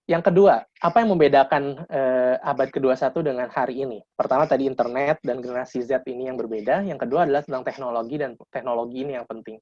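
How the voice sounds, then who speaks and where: Fast-talking man in his thirties on a video call. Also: mid-range voice, dry recording. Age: 30s. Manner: casual lecturing, frequent restarts. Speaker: guest speaker. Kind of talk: webinar talk. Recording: dull lo-fi video call audio.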